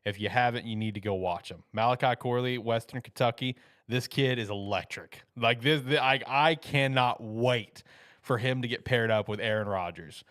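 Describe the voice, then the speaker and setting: A man's voice: medium pitch, normal speed, fairly bright tone, no room sound, clean studio sound. A man co-hosting a casual football podcast, enthusiastic and emphatic, often tossing in "man.". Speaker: co-host. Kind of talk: casual sports podcast chat.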